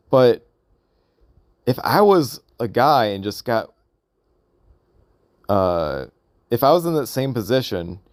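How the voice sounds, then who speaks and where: A man with a mid-range voice records an audio log as a vlogger, thinking out loud in a casual, unscripted monologue. He sounds hesitant and halting, rambling and asking himself the same questions as he works things through. The recording is dry and has a clean studio sound.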